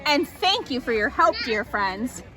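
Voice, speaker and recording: A woman voicing a fussy, bossy male rabbit in a children's story, brisk and exclamatory. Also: sits high, sing-song, bright, forceful tone, some chatter behind, heavily acted. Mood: grateful. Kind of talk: children's storybook character reading.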